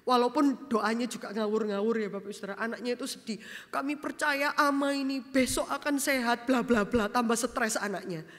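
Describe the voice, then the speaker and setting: Woman pastor, fairly high voice, lively sermon delivery, reverberant church hall. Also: a little fast. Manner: animated storytelling, acts out quoted dialogue; swings between loud emphasis and soft low asides. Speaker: vicar preaching.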